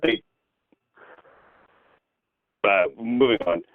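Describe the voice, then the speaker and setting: A man's voice: fairly low pitch, extremely slow, dry recording. A man from Canada calling in over the phone to a live show, chatting casually with teasing banter. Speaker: caller. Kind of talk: casual call-in chat. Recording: dry, tinny phone line.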